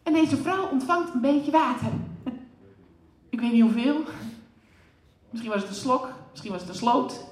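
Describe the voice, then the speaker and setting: A woman's voice: high-pitched, unhurried, pauses often, reverberant. A woman preaching a sermon, acting out voices from the story and putting questions to the congregation. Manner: animated, acts out the story's voices, asks the audience questions.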